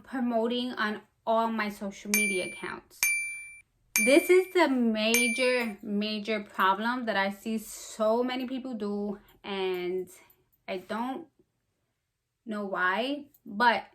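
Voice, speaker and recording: A young woman who runs a small business, talking casually to camera in an upbeat, fast, slightly breathless way. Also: medium pitch, a bit bright. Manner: chatty and upbeat, talks fast. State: a bit out of breath. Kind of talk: casual vlog talk to camera.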